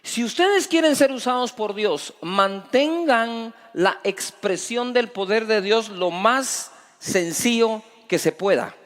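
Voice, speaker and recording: A male pastor preaching a sermon with emphatic delivery that swings between loud and hushed. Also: high-pitched, lively intonation, takes it slowly, few pauses. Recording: long reverb of a large hall.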